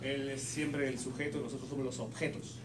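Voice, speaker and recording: A male sermon interpreter gives consecutive live interpretation of preaching in a brisk, medium-pitched voice with little pitch movement. The room is noisy and echoey.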